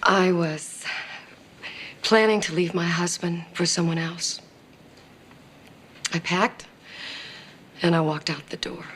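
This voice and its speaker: An actress playing a sincere kindergarten teacher testifying plainly and earnestly in a TV courtroom drama. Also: female voice, fairly low pitch, slow, pauses often, fairly bright tone, a little hiss or hum. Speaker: witness. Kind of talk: television courtroom drama acting.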